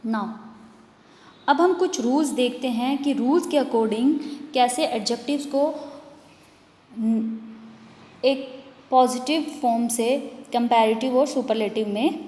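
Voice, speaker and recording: A woman teaching English grammar, reading example sentences slowly and then explaining them with questions to the class. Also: a little high, dark tone. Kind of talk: grammar lesson mixing Hindi and English. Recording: echoey room with long reverb.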